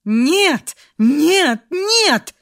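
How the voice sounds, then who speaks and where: A woman's voice: sits high, expressive, unhurried, a bit bright, voice pushed up. A woman voicing a desperate, fierce young heroine who pleads and cries out. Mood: desperate pleading. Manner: pleading, crying out.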